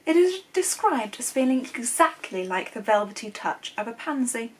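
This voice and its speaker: A posh, old-fashioned lady with a posh English accent, as a woman puts her on, reads vintage adverts aloud. She delivers them in a grand, sing-song sales pitch. Her voice sits fairly high. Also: big pitch swings, normal speed. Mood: genteel.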